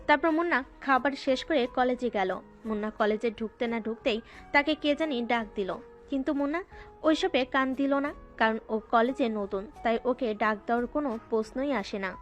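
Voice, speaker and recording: Woman telling a love story, kinda high voice, easy steady pace, faint music underneath. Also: moderate pace, highs cut off. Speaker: narrator. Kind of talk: scripted storytelling narration. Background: faint background music.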